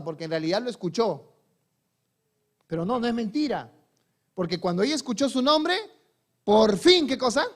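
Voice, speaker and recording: A male pastor preaching a sermon. He asks the congregation questions and answers them himself, and moves between soft, slow passages and loud, emphatic ones. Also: high-pitched.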